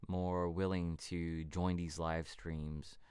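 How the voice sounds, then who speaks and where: A man from California hosting a casual fitness livestream Q&A, answering viewer questions in a relaxed, rambling way. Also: deep voice, slow pace, smooth, no room sound, clean studio sound. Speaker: fitness channel host.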